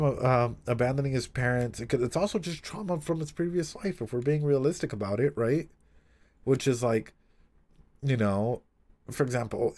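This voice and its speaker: Reading aloud on a casual stream, this man adds running commentary in a mid-range voice. He's animated, swears freely, and keeps breaking off into asides.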